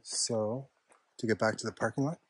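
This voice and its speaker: A man with a slightly husky voice gives casual, unhurried, offhand narration to his camera while walking a trail outdoors. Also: lowish voice, fairly even intonation. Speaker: hiking vlogger. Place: outdoors on a park trail with a stream nearby.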